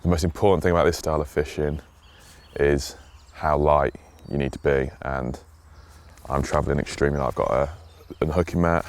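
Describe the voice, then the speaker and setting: A man's voice: rumbling low, steady tone, fairly quick. A young man who grew up in Switzerland, talking casually and enthusiastically as an angler, rambling with restarts. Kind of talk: casual outdoor chat and voice-over.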